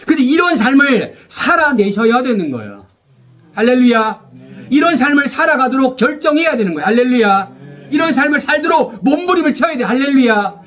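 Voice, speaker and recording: A man preaching a sermon as pastor, animated, repeating phrases and leading the congregation in call-and-response. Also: very high voice, fairly quick, few pauses.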